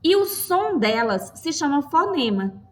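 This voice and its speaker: Woman teacher, slow careful delivery, lively swinging pitch, checks in with listeners. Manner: slow, clear, stressing each word; checks in with the class. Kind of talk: classroom lesson.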